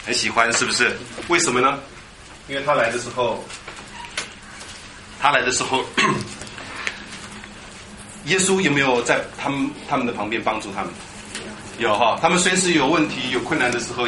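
A man preaching a lively Bible teaching sermon, quizzing his congregation and drilling them on Greek words. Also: mid-range voice, moderate pace, pauses often. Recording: echoey hall with background noise.

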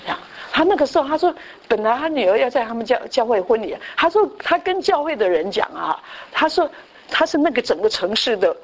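Woman preacher, fairly high and husky voice, chatty sermon storytelling full of restarts and "right?" asides. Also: big pitch swings, a little fast. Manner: conversational, with frequent restarts and tag questions.

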